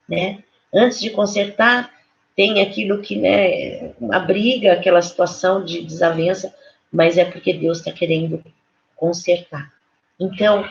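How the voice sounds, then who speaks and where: A woman's voice: on the low side, gravelly, a little hiss or hum. A woman pastor preaching a sermon in a conversational way, with many small fillers. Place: church. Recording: dull lo-fi online service recording.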